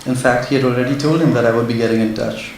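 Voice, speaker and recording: A man's voice: medium pitch, steady tone, quick pace. A man reads a prepared literary talk as an author, sounding nervous and earnest. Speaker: author giving a speech. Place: echoey indoor event venue. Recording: very echoey hall, faint background noise.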